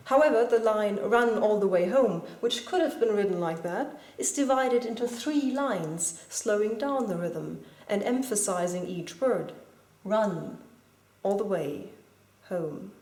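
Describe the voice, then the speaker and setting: This is scripted literary analysis: a woman video blogger, speaking in a mid-range voice, explains a poem line by line with calm, measured delivery. The echoey recording was made indoors at a school.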